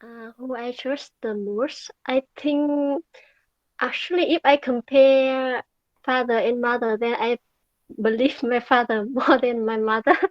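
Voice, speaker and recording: A woman who is a beginner English learner, answering practice speaking questions and searching for words with long pauses. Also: on the high side, steady tone, no room sound, lo-fi sound.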